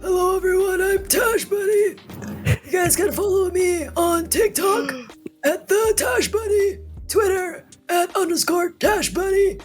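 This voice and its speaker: A young woman putting on a loud, strained, hammy old grandpa voice as a comic impression. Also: very high voice, pitched above the performer's own voice.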